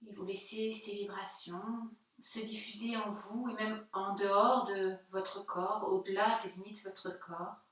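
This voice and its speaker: A woman yoga teacher guides a meditation slowly and unhurriedly, her gentle, soothing delivery broken by pauses between phrases. Her mid-range voice is flat in delivery. She sits a little far from the mic in a strongly reverberant, very echoey room.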